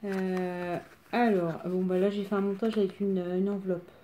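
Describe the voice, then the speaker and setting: A woman with a smoker's rasp chatting casually through a craft demonstration in a rambling, self-deprecating way. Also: medium pitch, flat delivery, normal speed, dark tone, slight background noise. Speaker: craft tutorial presenter.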